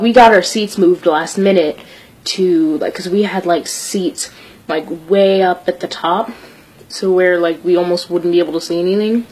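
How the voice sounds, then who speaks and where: A woman's voice: mid-range voice, a little mellow, low-quality recording. A woman recalling her first concert in a rambling way, full of "like". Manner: rambling, heavy use of "like". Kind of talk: casual storytelling.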